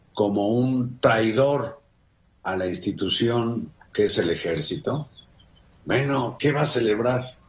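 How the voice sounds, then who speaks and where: A man's voice: lowish voice, echoey room, poor audio. A man, a journalist giving pointed, sardonic commentary on air.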